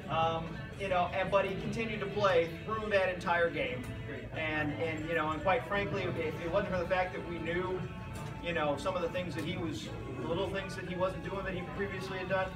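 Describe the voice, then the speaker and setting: Middle-aged American male coach, high-pitched, rambling informal tribute speech, echoey distant recording under loud music. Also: fairly even intonation, a little fast. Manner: rambling, anecdotal. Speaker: youth football coach. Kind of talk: informal banquet speech honoring a player. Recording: roomy, distant mic, loud music behind.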